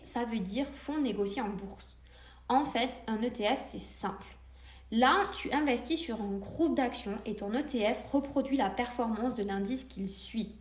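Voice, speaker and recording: A woman's voice: fairly high pitch, reverberant. A woman hosting a solo podcast, explaining investments step by step and speaking directly to the listener in a friendly way. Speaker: podcast host.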